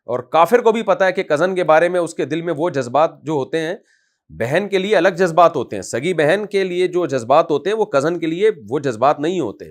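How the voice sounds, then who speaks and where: Forceful man giving a scolding religious talk. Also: fairly high pitch, expressive. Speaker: Islamic scholar answering questions.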